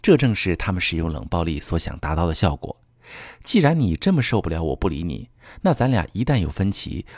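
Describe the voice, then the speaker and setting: A very deep male voice that still rises and falls in lively swings, as he coaches the listener through a marriage problem. He talks calmly and directly to the listener. The sound is dry and close, with no room around it. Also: no room sound. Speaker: relationship advice host. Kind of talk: scripted advice talk.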